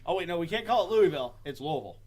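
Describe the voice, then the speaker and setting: A man's voice: high-pitched, very fast. Laughing man telling game stories. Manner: storytelling, laughs often. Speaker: podcast host. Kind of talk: casual chat.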